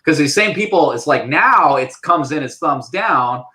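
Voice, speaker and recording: A man talking as an interview guest on a casual panel show, animated and full of fillers, often mimicking other voices. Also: on the high side, normal speed, poor audio.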